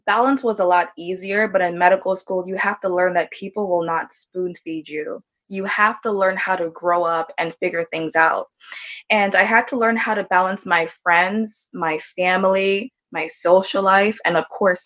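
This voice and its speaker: A young woman from Jamaica, a medical student guest, answering interview questions in a calm, measured way. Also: mid-range voice. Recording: dull lo-fi remote audio.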